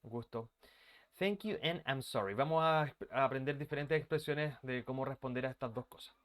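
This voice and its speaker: A man with a mid-range, slightly bright voice speaks fairly quickly while teaching a live online English class. Working from a bedroom that doubles as an office, he chats casually and greets students by name. His voice comes through a computer mic on a video call.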